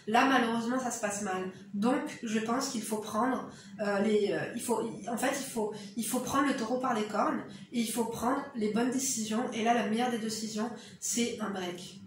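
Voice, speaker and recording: A woman's voice: fairly high pitch, slight background noise. A woman with an eastern Algerian accent giving frank, direct, motherly advice to camera in casual commentary at home. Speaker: YouTuber. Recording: very echoey room, mic at a distance.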